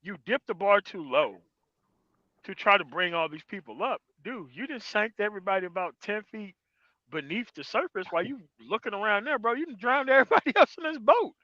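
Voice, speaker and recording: Livestream host, man, high and bright, profane banter, dull dry lo-fi audio. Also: fairly quick, no echo. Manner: profane, animated, laughs often. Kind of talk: casual livestream chat.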